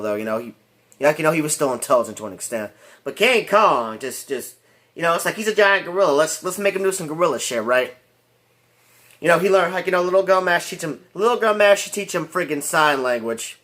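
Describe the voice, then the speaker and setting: A man's voice: fairly high pitch, sharp tone. A man giving a rambling casual movie review, full of restarts and fillers and laughing at his own jokes.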